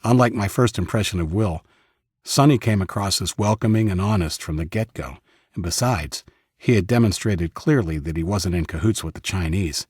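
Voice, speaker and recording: A man narrating a first-person audiobook in a steady, measured way. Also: deep voice, slightly rough, no echo, studio quality.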